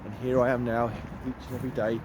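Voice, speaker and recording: A man's voice: mid-range voice, flat delivery, quick pace. A middle-aged man and empowerment coach, speaking earnestly and emphatically as he walks through woods, repeating phrases for weight, recorded on a phone he holds. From United Kingdom. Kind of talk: walking vlog monologue. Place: outdoors in woods. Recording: faint outdoor noise.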